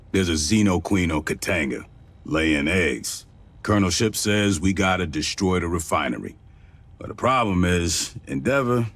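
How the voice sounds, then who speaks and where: Casting note: a blunt, profane veteran marine sergeant for a game, with an extremely low, rumbling voice. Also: male voice, fairly bright tone, full character voice. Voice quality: rough, coarse slang. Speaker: marine sergeant giving orders. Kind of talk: video game cutscene dialogue.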